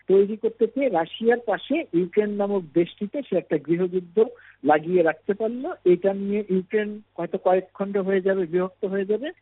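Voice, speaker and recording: A man's voice: high-pitched, no room sound. A man with a Bangladeshi accent giving interview commentary over a thin phone-like line, explaining and repeating phrases for emphasis. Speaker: political commentator and magazine editor, interview guest.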